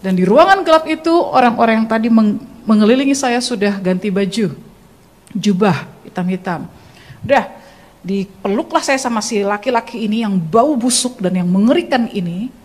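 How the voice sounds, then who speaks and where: Brief: young woman, church testimony, expressive storyteller who acts out scenes, voice a bit high. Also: normal speed. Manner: animated storytelling, addresses listeners directly, acts out scenes. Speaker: testimony speaker.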